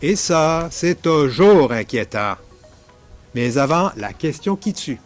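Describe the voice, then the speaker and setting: A man's voice: on the high side, very animated, slow, soft background music. A man with a Québécois accent, reading his own story aloud in a wry, self-mocking tone. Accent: Québécois French. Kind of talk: literary reading.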